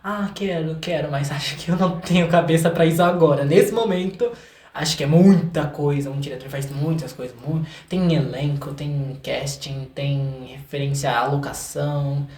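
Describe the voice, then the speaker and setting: Appearing as an interview guest, a young adult Brazilian film student and video maker talks in a relaxed, informal way and often repeats words for emphasis. His voice sits on the high side, with a steady, darkish tone at normal speed, captured in a roomy, echoing recording.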